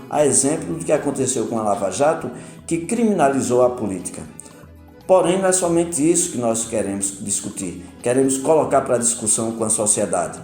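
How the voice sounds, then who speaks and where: A man with a Pernambuco Brazilian accent speaks as a union leader in a deliberate, emphatic way. His voice sits a little high and sounds mellow. The room around him rings with echo. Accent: Pernambuco Brazilian Portuguese. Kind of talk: recorded interview statement.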